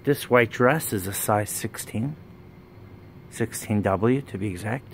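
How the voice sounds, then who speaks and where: The owner of a wholesale business gives an unhurried walkthrough pitch of his warehouse, plainly naming items one at a time. He films on a handheld phone while staying off screen, among racks of dresses. There's a little hiss or hum on the recording.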